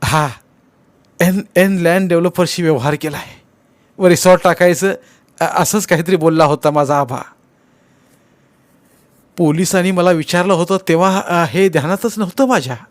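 A man's voice: high voice, fairly even intonation, measured pace, long pauses, no room sound, pitched above the performer's own voice. A man voicing a frail, breathless elderly man who speaks in trembling, gasping phrases in an audiobook. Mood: agitated. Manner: trembling, gasping, strained cries.

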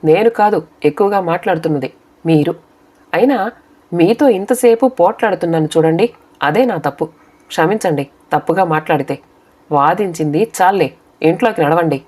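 A woman's voice: lowish voice, normal speed, pauses often, a little mellow, natural voice. A woman reading the part of a worried wife who reasons earnestly with her husband in an audiobook story. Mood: firm.

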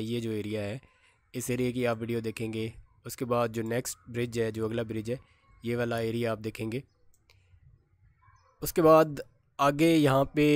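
A man's voice: mid-range voice, no room sound. Man narrating a construction site tour. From Pakistan. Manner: plain explanatory, pointing out locations. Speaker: construction update presenter.

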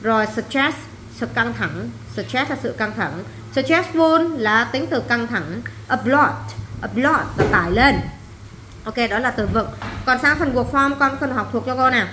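Woman, teacher, vocabulary drill, repeats each word, slightly high voice, echoey room. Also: animated, measured pace, pushed and bright. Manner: repeats each word, then explains it plainly. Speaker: English teacher. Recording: echoey room, faint background noise.

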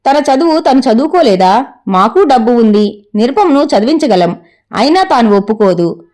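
A woman voicing a calm, wise older woman who firmly reasons in a young girl's defense. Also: a little high. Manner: firm, reasoned.

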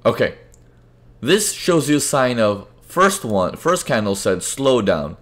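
In a live trading webinar, a man explains charts in a chatty way, pausing often to check on his audience and take chat questions. His mid-range voice sounds fairly bright and very animated, and he speaks slowly. Born to Indian parents, he grew up in several countries.

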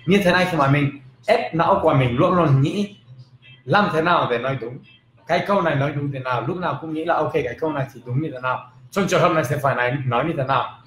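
A man teaching English pronunciation in a casual video lesson, repeating example words slowly and with emphasis. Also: fairly high pitch, a bit bright. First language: not Vietnamese. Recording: roomy with faint background noise.

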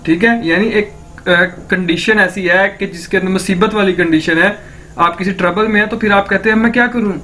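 A man's voice: high voice, bright, forceful tone, slight background noise. A man tutoring Mandarin phrases, explaining each with repeated examples and often saying okay and friends to the viewer. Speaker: language tutor. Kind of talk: language lesson.

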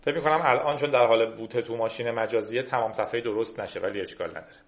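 Guy doing a laid-back computer tutorial, talks you through every click, kinda dull sound. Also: medium pitch. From Iran. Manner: chatty, explains steps while clicking through menus. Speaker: tech video host. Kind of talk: casual screen-recorded tutorial.

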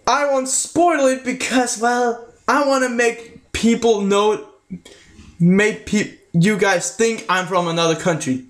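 High, slow-talking male reviewer; casual, halting, self-correcting delivery with a half-American, half-British sound. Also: steady tone, a bit bright. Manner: halting, restarts sentences often. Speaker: video reviewer. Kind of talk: casual spoken video review.

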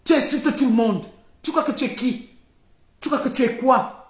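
Older woman, high-voiced accusing rant, echoey room. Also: normal speed. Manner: scolding, accusing, repeating herself. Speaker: live streamer. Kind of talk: heated live-stream rant.

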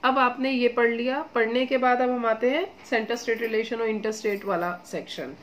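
A woman's voice: on the high side, fairly even intonation, normal speed. A woman exam-coaching teacher giving casual study advice, chatty and encouraging, often checking in with her students and mixing English phrases into her talk. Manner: chatty, addresses students as beta and guys, mixes English phrases; repeats "theek hai" as a check-in.

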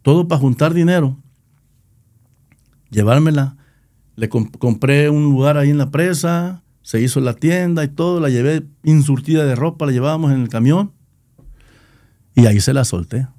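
A man's voice: on the high side, moderate pace, pauses often, warm tone, no echo, clean studio sound. A middle-aged man with a Nayarit Mexican Spanish accent, founder of a band, telling his story in a casual interview, rambling and repeating words.

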